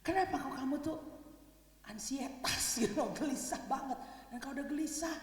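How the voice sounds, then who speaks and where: A woman with a high voice preaches in a casual, chatty way, often asking her listeners to agree and laughing easily. Her voice reaches the microphone from some distance. A long echo from the large worship hall trails behind her words. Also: a little fast. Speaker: preacher at a women's worship service. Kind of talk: conversational sermon.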